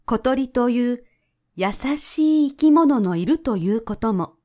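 A woman narrating a children's story in a gentle, measured way. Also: on the high side, lively intonation.

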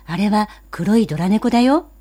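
A woman voicing a small, excitable boy in a storybook reading, talking loudly and bluntly. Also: mid-range voice, normal speed, lightly acted. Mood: eager. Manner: loud, eager, boyish.

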